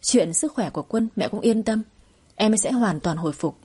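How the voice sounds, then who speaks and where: A woman's voice: mid-range voice, expressive, a little fast, warm tone, slightly rough. A woman voicing an earnest young son. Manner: earnest, pleading. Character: earnest young adult son, devoted older brother.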